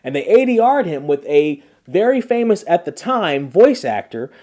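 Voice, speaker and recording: Male podcast host, energetic and chatty, gushing episode recap. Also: high voice, moderate pace, soft background music. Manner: enthusiastic, animated, repeats phrases for emphasis.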